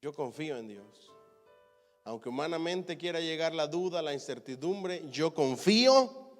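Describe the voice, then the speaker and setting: A slow-speaking man with a slightly high voice preaches a sermon, reading scripture aloud and building to loud emphatic declarations before dropping low again. He has the congregation repeat phrases after him. The church hall rings with long reverb, and soft music plays underneath. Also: expressive. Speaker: pastor teaching a Bible class.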